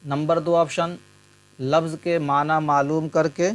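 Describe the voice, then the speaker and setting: A man's voice: a little high, level tone. A man working through past exam questions as a teacher, explaining terms step by step and giving Hindi and English equivalents.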